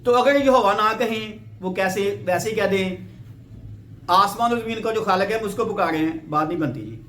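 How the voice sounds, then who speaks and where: A Pakistani man delivers a Bible teaching lecture, explaining step by step and checking in with rhetorical questions. His high voice has lively intonation and a bit of brightness, with roomy echo and slight background noise.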